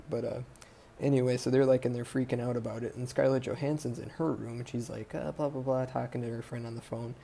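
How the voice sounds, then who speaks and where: A man's voice: mid-range voice, creaky, dark tone, a little hiss or hum. A man hosting a podcast, casually recapping a movie in a rambling, profane way, full of fillers and self-corrections. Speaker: podcast host.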